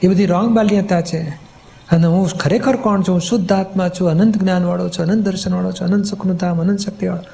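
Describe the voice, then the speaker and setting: A man's voice: high-pitched, steady tone, quick pace, creaky, mellow, slight background noise. A man, a spiritual teacher, patiently explaining in a question-and-answer talk, often checking that he is understood.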